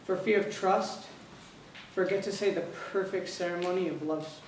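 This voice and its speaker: A man reciting a sonnet deliberately, as a contestant. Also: high-pitched, steady tone. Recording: echoey hall, distant mic, faint noise.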